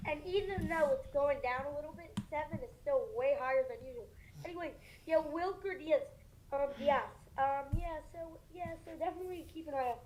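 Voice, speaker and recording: Chatty, very high-voiced woman. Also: a little hiss or hum, poor audio. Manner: rambling, chatty, many fillers. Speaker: co-host of storm livestream. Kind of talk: casual live weather chat.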